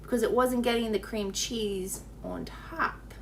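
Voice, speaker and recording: A woman's voice: fairly high pitch, a little slow, vocal fry, echoey room, distant mic, a little hiss or hum. A young woman hosting a home baking channel, chatting casually while doing chores in her home kitchen and cooing at her dog, picked up by a camera mic across the room.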